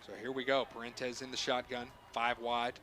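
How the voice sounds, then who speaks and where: A man's voice: medium pitch, monotone, normal speed, pushed and bright, a little hiss or hum. A man calling live football play-by-play in short phrases that follow the action. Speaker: play-by-play announcer. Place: stadium broadcast booth.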